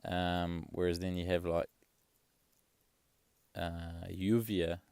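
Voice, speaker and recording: A young man chatting casually in a vlog, rambling and relaxed, swearing offhand. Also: deep voice, normal speed, vocal fry, clean tone, no echo. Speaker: travel vlogger. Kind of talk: casual chat.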